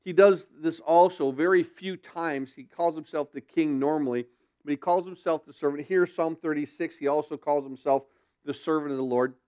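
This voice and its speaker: A man's voice: on the high side, normal speed, a little mellow, smooth. A male pastor at a pulpit microphone, teaching a sermon and posing rhetorical questions to his congregation. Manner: asks rhetorical questions, then answers them.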